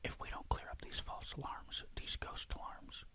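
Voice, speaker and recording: A storyteller reading a ghost story in a breathy, hushed, suspenseful whisper, in ASMR style. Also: moderate pace.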